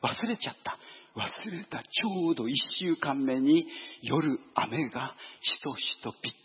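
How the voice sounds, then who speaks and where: A man preaching a storytelling sermon, lively and acting out voices and sound effects. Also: mid-range voice, unhurried, slightly rough. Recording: dull lo-fi recording.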